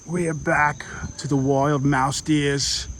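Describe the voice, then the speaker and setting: A man voicing a hushed wildlife-documentary narrator with a put-on Australian accent, slow and dramatic, outdoors in a park. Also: on the high side, level tone, slight background noise. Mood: hushed, awed. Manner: soft, slow, dramatic commentary on animals.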